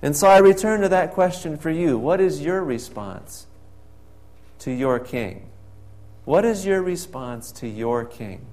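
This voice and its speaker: A man's voice: a little high, lively intonation, unhurried, darkish tone. A man preaching a sermon as pastor, reading scripture and pressing repeated questions with emphasis.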